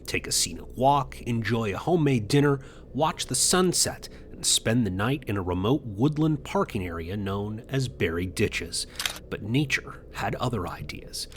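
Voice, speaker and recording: A man reading scripted documentary narration in a measured, suspenseful tone. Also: medium pitch, a little hiss or hum.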